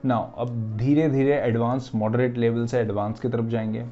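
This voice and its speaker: A man's voice: mid-range voice, little pitch movement, moderate pace, dark tone, highs cut off. A male teacher gives an explanatory English grammar lecture in Hindi mixed with English, and often checks in with "right?".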